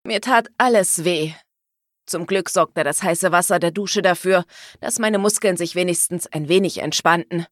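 A woman's voice: fairly low pitch, normal speed, dry recording, studio quality. A woman narrating a first-person audiobook expressively, giving her own lines a feisty edge.

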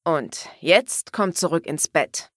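A woman voicing a domineering, commanding man in an audiobook, speaking in a slow, low, insistent murmur. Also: expressive, no echo, clean studio sound. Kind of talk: audiobook character voice.

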